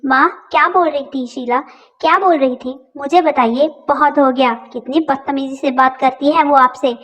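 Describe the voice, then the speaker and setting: A woman's voice: high voice, fairly even intonation, moderate pace, fairly bright tone. A woman voicing an exasperated young husband who scolds his wife. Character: fed-up young husband, short-tempered.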